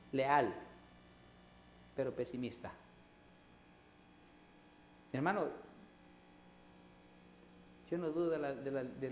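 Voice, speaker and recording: A male pastor preaching a sermon, swinging between loud, emphatic lines and soft asides. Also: on the high side, a little hiss or hum. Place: church sanctuary. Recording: roomy church reverb.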